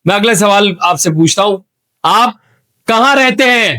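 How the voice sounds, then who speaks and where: A man's voice: high voice, lively intonation, unhurried, pushed and bright. Exasperated male podcast host. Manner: exasperated, repeating questions. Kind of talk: comedy sketch interview.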